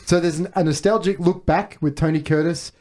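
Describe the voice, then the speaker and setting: A man's voice: fairly high pitch, fairly even intonation, brisk, mellow. A man co-hosting a movie podcast, reading out film trivia in casual chat and laughing often. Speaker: podcast co-host.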